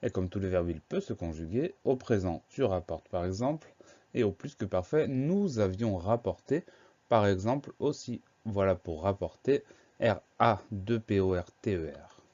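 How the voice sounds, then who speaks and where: A man's voice: lowish voice, expressive, normal speed, dark tone. Patient male teacher spelling words aloud. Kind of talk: spelling dictation lesson. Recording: dull lo-fi recording.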